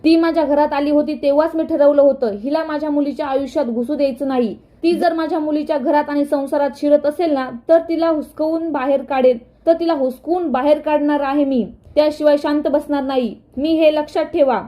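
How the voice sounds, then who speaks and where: A woman's voice: high voice, fairly even intonation, brisk, hardly any pauses, natural voice. A woman reading the lines of a stern, protective middle-aged mother in a retold serial, determined and threatening. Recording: dull lo-fi recording.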